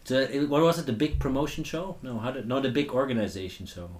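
A man hosting his own podcast in casual chat, halting and joking as he talks. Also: medium pitch, expressive. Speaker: podcast host.

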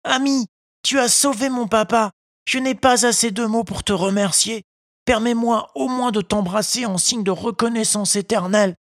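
A reader voicing a young wooden puppet boy, high and earnest, in a storybook reading. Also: normal speed, dry recording, studio quality, natural voice. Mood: tender, earnest. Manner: high, excited, earnest pleading. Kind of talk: storybook narration.

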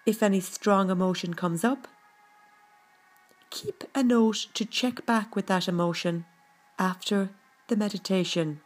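A woman narrating a scripted guided meditation in a soothing, gentle, unhurried manner. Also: medium pitch. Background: background music.

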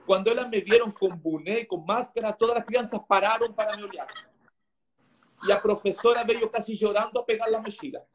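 A man, a pastor, telling his personal testimony in an interview, halting and repeating words for emphasis. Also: high-pitched, a little hiss or hum.

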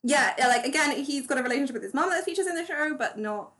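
A woman chats on a podcast in a slightly high voice. She rambles through her points, padding them with fillers and restarting her sentences as she goes. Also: lively intonation, fast talker, fairly bright tone. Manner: chatty, many fillers and restarts. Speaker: podcast co-host. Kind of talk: casual chat.

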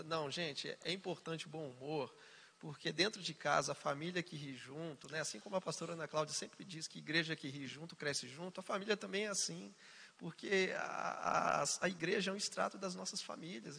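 Gravelly, husky man. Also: on the high side, fairly quick, pushed and bright, in a large hall. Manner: explanatory, jokey asides. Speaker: co-host of a family talk show. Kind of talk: casual faith-based family talk.

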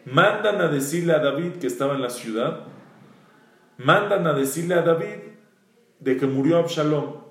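Echoey rabbi telling a sermon story. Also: male voice, on the high side, moderate pace. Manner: storytelling, animated when quoting. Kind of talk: Torah lecture. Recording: echoey room, mic at a distance.

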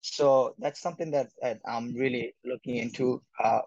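A man's voice: medium pitch, steady tone, moderate pace, a little mellow, dry recording. Hesitant man, dull dry recording. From Bangladesh. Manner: hesitant, many fillers and restarts. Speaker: medical student. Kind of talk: interview answer.

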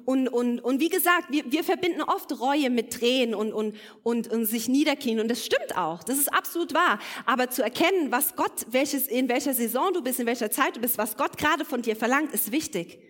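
A woman's voice: sits high, brisk, few pauses, fairly bright tone. A woman preaching a sermon to her congregation, earnest and building to emphatic exhortation. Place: church hall. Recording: long reverb of a church hall.

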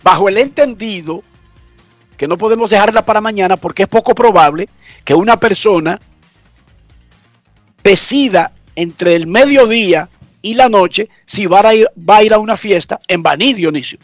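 A man with a notably high, congested voice, clearly fighting a cold, hosts a casual radio show from his home garage at normal speed. He's chatty and emphatic, repeating his points often, and the dry, close sound carries faint music underneath.

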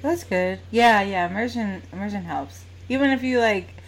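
A woman with a standard American accent talks in an informal, chatty way. Her voice sits at a middling pitch, and she sounds like someone interviewing in a casual conversation. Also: moderate pace. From United States. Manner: informal, chatty, laughs easily while talking. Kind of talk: casual chat.

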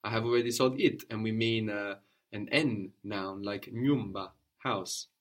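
A man's voice: on the low side, a little slow. A man teaching a one-on-one language lesson, patiently prompting questions and repeating his student's answers.

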